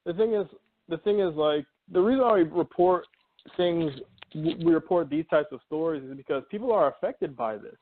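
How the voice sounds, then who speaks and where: A man co-hosting a podcast, animated and indignant as he recounts celebrity news in casual chat. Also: fairly high pitch, moderate pace, slight background noise. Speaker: podcast co-host. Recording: tinny phone line.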